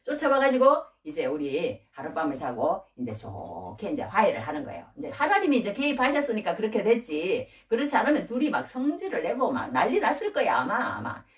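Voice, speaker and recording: A woman giving a casual Bible-study sermon, retelling the story with lively asides and frequent prompts to her listeners. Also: medium pitch, brisk, hardly any pauses, recorded from a distance. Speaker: Bible teacher.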